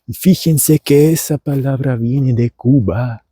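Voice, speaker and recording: A man with an Argentine Spanish accent acquired as a German speaker, working as a language teacher and podcaster, gives a rambling comedic monologue outdoors at dusk. He talks slowly in a dark, mid-range voice with a breathy edge, meandering theatrically through fillers and restarts. The recording sounds dry and clean, like a studio.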